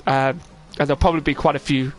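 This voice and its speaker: Music plays under a young man whose voice is on the high side, fast and fairly even in intonation. Sniffly with a cold, he gives casual, rambling live commentary on a sim racing stream, full of fillers.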